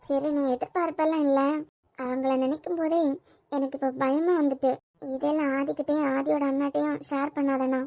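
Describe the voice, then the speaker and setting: A woman voicing a young injured woman who speaks softly and hesitantly, worried about her future in-laws, in a Tamil audio drama. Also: sits high, flat delivery, quick pace, no echo, studio quality. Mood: anxious.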